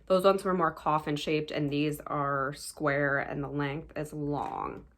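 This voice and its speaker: A woman's voice: sits low, slow, fairly bright tone. A young woman vlogger casually chatting through her favorite products of the month and recommending them to viewers. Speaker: beauty vlogger.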